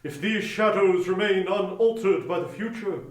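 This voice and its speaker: A man's voice: sits high, moderate pace, close to an everyday voice. A man playing a solemn, stern male Christmas spirit in a dramatic reading, speaking in weighty, declamatory pronouncements, recorded with some distance. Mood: grave foreboding. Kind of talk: dramatic reading of a Victorian ghost story. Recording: roomy echo, distant from microphone.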